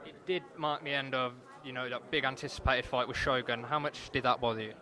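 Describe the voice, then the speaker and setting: A man's voice: medium pitch, steady tone, a little fast, pushed and bright. A man working as an interviewer, asking conversational questions about sport. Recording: crowd chatter behind, urban venue.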